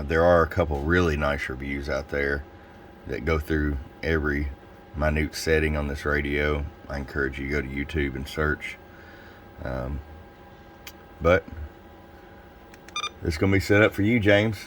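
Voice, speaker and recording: With an extremely low, bassy voice, a man gives a casual product demonstration, unhurriedly walking through the item like a seller with a customer. His tone is steady and his speed normal, with some noise behind him.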